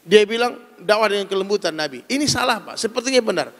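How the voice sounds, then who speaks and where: A man preaching a sermon to a gathering, emphatic and animated, often addressing his listeners directly as he drives his points home. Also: high voice, quick pace. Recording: long hall reverb.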